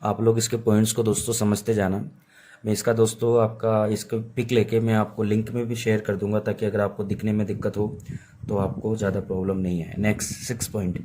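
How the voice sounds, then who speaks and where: A man who is unwell teaching an exam prep lesson in Hindi, slowly reading English terms aloud and repeating key points. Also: fairly low pitch, mellow, a little hiss or hum. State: unwell, voice sounds off.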